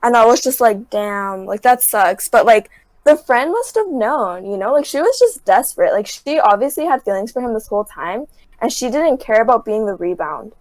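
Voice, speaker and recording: Brief: young woman guest, higher voice, rambling casual retelling, dry close sound. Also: very animated, a little fast, darkish tone, dry recording, poor audio. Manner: rambling retelling, constant "like" fillers. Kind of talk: casual chat.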